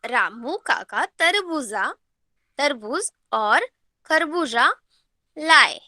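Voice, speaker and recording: A woman teacher giving an online Hindi lesson to children, reading words slowly and repeating them for her pupils. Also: sits high, animated, sharp tone, dry recording.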